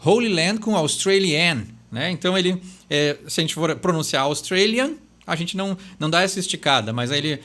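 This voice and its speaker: A man's voice: a little high, animated, a little fast, few pauses, bright, forceful tone. Chatty Brazilian man explaining lyrics. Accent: Brazilian Portuguese. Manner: chatty, thinks aloud, frequent tag "né". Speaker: host explaining song lyrics.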